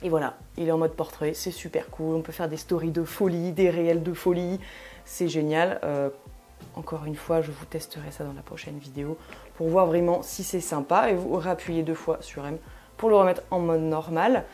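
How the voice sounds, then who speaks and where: A woman's voice: low voice, steady tone, normal speed, dark tone. Chatty young woman demoing gear. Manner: chatty, many fillers, demonstrates while talking. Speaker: tech video host. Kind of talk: casual product demo.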